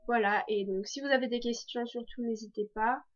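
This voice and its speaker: A teenage girl from France chats through her video diary, her voice sitting a little high. She talks loosely, full of fillers and restarts. The sound is dull and lo-fi. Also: steady tone, fairly quick. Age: teens. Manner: chatty, many fillers and restarts. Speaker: exchange student vlogger.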